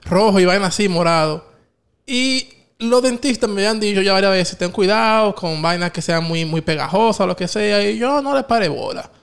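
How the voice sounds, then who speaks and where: A man chatting casually, with a high and smooth, clear voice. He tells his story in loose slang and voices his own remembered lines. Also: normal speed. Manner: relaxed, slangy, acts out his own quotes.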